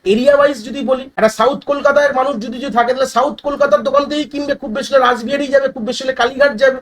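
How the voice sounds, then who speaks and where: Male tutor, very high voice, quick delivery, talks directly to students. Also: flat delivery, crowd noise. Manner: addresses students directly, mixes English terms into Bengali; repeats phrases and restarts mid-sentence. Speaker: teacher. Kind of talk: exam-prep lecture.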